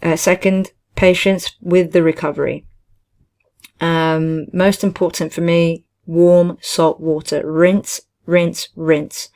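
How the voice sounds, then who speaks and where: A woman chatting casually and giving personal advice, in a hesitant, halting way with frequent self-corrections. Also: fairly low pitch, flat delivery, a little mellow. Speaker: vlogger, teaching assistant.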